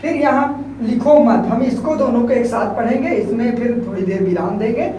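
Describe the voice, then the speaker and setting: A man teaching a Hindi grammar class, asking questions and answering them himself, repeating key terms slowly as he writes. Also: extremely high pitch, lively intonation, darkish tone. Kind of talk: classroom lecture explaining at a board. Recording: very echoey room, mic far off, faint background hiss.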